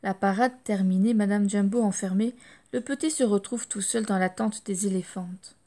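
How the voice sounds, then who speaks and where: A woman reading a children's storybook aloud, lively and expressive. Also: mid-range voice, normal speed. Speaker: audiobook storyteller.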